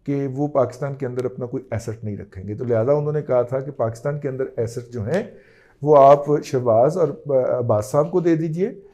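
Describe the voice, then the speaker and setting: A man's voice: medium pitch, normal speed, mellow. A man, giving an emphatic news-analysis monologue as a political commentator, often checking in with the listener.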